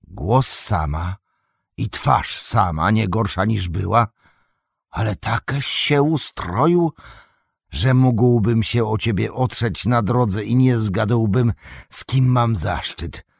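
A man voicing a gruff, bold old male hobbit farmer who speaks in hearty exclamations. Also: on the low side, slow pace, no echo, clean studio sound, pitched above the performer's own voice, exaggerated voice.

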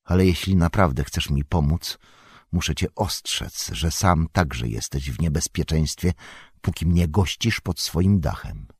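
A man voicing a weary, earnest young male hobbit who speaks quietly. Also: a bass voice, lively intonation, measured pace, husky, dry recording, clean studio sound, heavily acted.

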